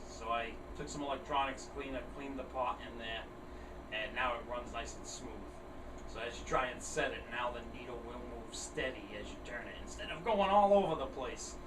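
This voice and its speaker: Speaking at a normal pace in a medium pitch, a man chats casually and plainly, meandering as if showing off his hobby on video. A running air conditioner is clearly heard, and the distant mic makes the room sound spacious.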